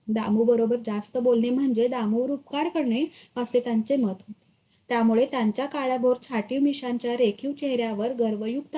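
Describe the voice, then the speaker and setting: Mellow-voiced woman reading a story. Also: fairly high pitch. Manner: expressive, dramatic storytelling. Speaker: story reader. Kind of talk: reading a literary short story aloud.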